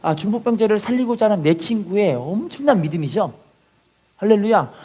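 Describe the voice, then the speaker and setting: A man's voice: sing-song, brisk, warm tone, breathy edge. A man preaching a sermon to his congregation, leading call-and-response and crying out prayers as he tells them. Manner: cries out acted prayers at a high pitch. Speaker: pastor. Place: church sanctuary.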